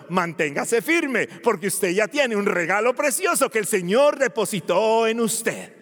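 A man preaching a sermon as pastor, animated and often asking the congregation questions. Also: very high-pitched, big-room sound.

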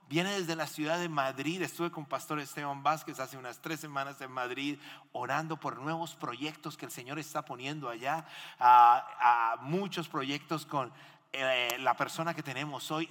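A man with a slightly high, pushed and bright voice acts as pastor and host in a large indoor church hall, welcoming a missions guest. In an animated mix of interview and preaching, he exhorts the congregation and puts questions to them, and the echoey hall gives a long reverb.

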